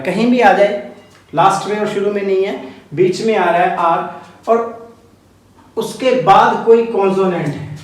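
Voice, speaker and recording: A male teacher with a high voice explains phonetics rules for an exam. He patiently goes over each point several times. The sound is heavily echoey, as if captured in a bare room. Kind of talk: exam-prep phonetics lesson. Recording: very echoey room, voice far from mic.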